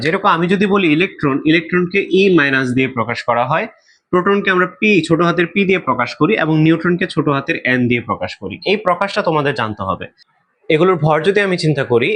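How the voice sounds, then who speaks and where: A male chemistry teacher with a Bangladeshi Bengali accent walks students through exam material. His voice sits a little high and swings widely in pitch. He keeps asking questions and answering them himself, repeating the key words. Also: a bit bright. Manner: repeats key terms for emphasis. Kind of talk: exam-prep lesson.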